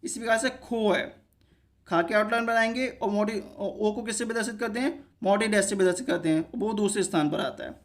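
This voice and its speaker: A man's voice: high voice, a little fast. A man teaching a shorthand lesson, explaining each step by asking himself short questions and answering them, and often stopping to check that viewers follow.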